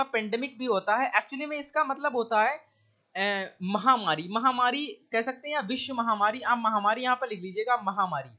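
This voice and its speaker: A man teaching English vocabulary in an online exam-prep lecture, speaking with a Hindi accent and explaining each word slowly, checking in with his listeners again and again. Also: very high voice, bright, forceful tone, dull audio.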